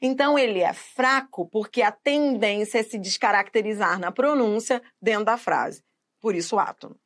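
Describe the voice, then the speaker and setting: A woman teaching Portuguese grammar for exam prep, stretching words out and checking in with the viewer. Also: medium pitch. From Brazil. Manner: didactic, drawn-out syllables, checks in with the viewer.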